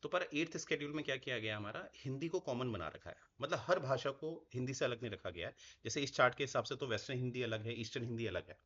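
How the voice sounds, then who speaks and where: Male teacher, patient classroom lecture style, mid pitch, slightly dull lo-fi recording. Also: lively intonation, quick pace, hardly any pauses, fairly bright tone. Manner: explains step by step, often asks "right?". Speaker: Hindi teacher.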